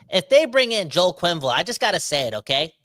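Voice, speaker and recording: A Canadian man in his 30s hosts a podcast livestream, reading viewer comments from the live chat and ranting in casual slang. He is animated and rambling and talks straight to the audience in a voice that sits high. The recording is dry, with clean studio sound.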